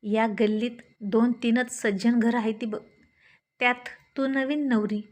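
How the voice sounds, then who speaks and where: A motherly older village aunt who scolds in a homely way, her voice fairly high, as a woman storyteller puts her on. She sounds practical and kind. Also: steady tone, measured pace, darkish tone, natural voice.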